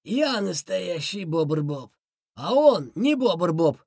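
A woman voicing a hoarse male beaver bandit who barks threats, in an audiobook. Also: on the low side, big pitch swings, slow, darkish tone, dry recording, clean studio sound, exaggerated voice. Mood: menacing. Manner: barking, threatening.

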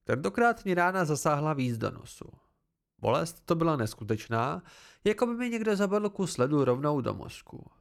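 Male amateur audiobook narrator, expressive first-person storytelling, fairly high voice, animated pitch. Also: creaky.

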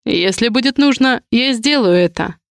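A woman's voice: on the high side, expressive, moderate pace, no echo, clean studio sound. A woman voicing a cold, arrogant male duke in an audiobook, speaking in a stern, curt and menacing way. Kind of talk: audiobook character voice.

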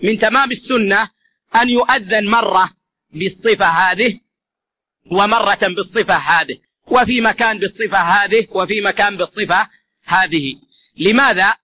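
Bright-voiced male religious teacher. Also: high-pitched, normal speed. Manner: repeats key phrases for emphasis; addresses listeners as brothers. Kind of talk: explanatory religious lesson.

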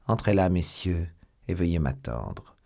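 A man doing a guarded old cardinal in an audiobook, his voice sunk low and quiet, each word weighed. The tone stays cool and commanding, with pitch that still rises and falls in lively arcs. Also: vocal fry, full character voice. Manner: low, hushed and measured. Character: cold powerful old male cardinal, guarded.

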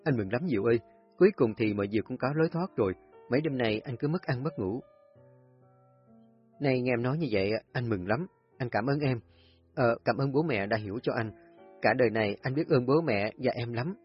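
A man's voice: medium pitch, animated, brisk, husky, faint music behind. A man voicing an overjoyed, grateful young man who gushes eagerly. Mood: elated. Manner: eager, gushing. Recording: dry, dull lo-fi recording.

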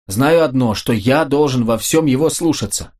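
A man voicing a panicking, simple-minded young officer in an audiobook, with loud anguished outbursts. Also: medium pitch, expressive, normal speed, close to an everyday voice. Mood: stubborn.

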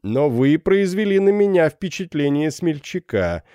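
Brash cocky young soldier captain from an audiobook, a man putting him on, higher and louder than the narrator, dry close sound. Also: sing-song, measured pace, dry recording. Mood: jaunty. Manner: swaggering, bursts into shouting anger. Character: boastful young male army captain, brash and hot-headed.

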